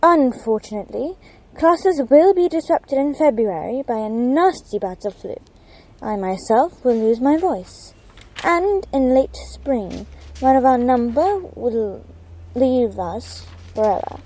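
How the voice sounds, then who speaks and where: A woman acts out an airy, theatrical professor of divination for an audio play. Her voice sits high and soft-toned and swings widely in pitch as she dramatically draws out her prophecies of doom. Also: expressive, exaggerated voice. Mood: foreboding. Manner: dramatic, portentous, drawn-out delivery.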